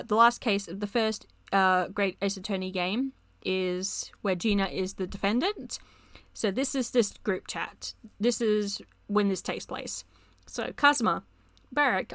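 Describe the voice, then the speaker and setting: A woman's voice: mid-range voice, moderate pace, a bit bright, dry recording. Woman streamer chatting casually, laughs and swears a lot, dry close mic. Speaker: streamer and artist. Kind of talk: casual livestream chat, reading fan chat logs.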